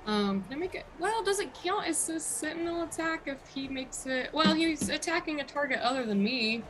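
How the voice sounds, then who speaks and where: A woman playing a tabletop game, talking casually and excitedly and swearing freely. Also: high voice, moderate pace, noisy background. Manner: excited, profane. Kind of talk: casual chat.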